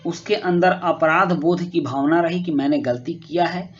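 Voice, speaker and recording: A male teacher patiently explaining a school worksheet to children, often pausing with fillers and rephrasing. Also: a little high, steady tone. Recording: muffled lo-fi recording.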